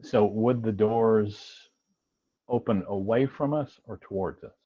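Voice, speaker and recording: A man's voice: fairly low pitch, takes it slowly. A man playing a tabletop game who talks hesitantly, with formal wording and many fillers. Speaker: player. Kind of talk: tabletop game play over a stream. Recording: dull lo-fi sound.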